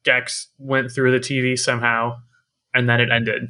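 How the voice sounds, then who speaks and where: A man's voice: medium pitch, little pitch movement, moderate pace, bright, forceful tone. A man talking casually and analytically about a video game as a podcast co-host.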